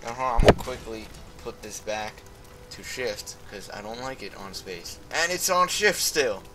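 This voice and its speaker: A man's voice: lowish voice, lively intonation, normal speed, pushed and bright, slight background noise. A man hosting a let's play, chatting casually with friends as he games. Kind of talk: casual gaming commentary with friends. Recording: clear game ambience behind voice.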